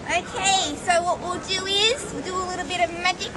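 A woman's voice: extremely high pitch, fairly even intonation, moderate pace. A woman performing as a kids party magician in a clown act, exclaiming and coaxing young children to join in with her tricks. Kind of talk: live children's magic show patter. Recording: loud music and noisy crowd behind. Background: music and a crowd of children.

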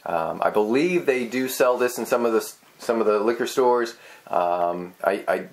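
A middle-aged man co-hosting a casual whiskey tasting chat, rambling and hesitant with many pauses and restarts. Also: medium pitch. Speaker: co-host.

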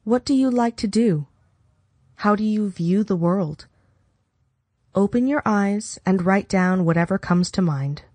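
A woman narrating a scripted self-help audiobook with guided exercises and affirmations, in a measured, instructional way. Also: medium pitch, expressive, warm tone, dry recording.

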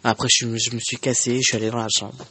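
A young man recounts a painful personal story in a casual, emotional monologue, often stumbling and restarting his sentences. His voice sits in an average middle pitch. The sound is dry and close, with no room echo. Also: little pitch movement, fast talker, bright, forceful tone, husky. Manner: emotional, conversational, many fillers and restarts. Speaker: vlogger.

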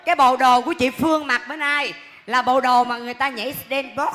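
A woman with a Southern Vietnamese accent emceeing a lô tô show, loud and cheering, quick with jokes. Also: sits high, steady tone. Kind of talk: bantering stage comedy.

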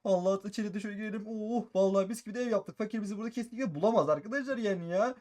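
A man playing a Minecraft role-play and commenting excitedly, repeating his phrases and constantly addressing viewers. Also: high voice, racing. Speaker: gaming YouTuber.

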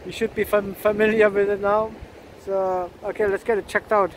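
A man's voice: sits high, flat delivery, moderate pace. A man in his fifties filming a casual fishing vlog on an open beach, chatty, laughing often and repeating words, holding the camera close. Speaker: fishing vlogger. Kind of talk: casual outdoor vlog commentary. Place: open sandy beach by the surf. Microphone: handheld camera close to face. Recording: wind and surf noise.

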